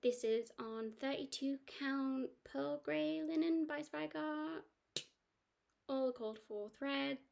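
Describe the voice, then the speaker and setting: A woman's voice: high-pitched, takes it slowly, creaky, darkish tone, a little hiss or hum. A woman chatting casually about her cross-stitch projects, rambling with lots of ums and restarts. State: has the hiccups. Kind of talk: casual chat.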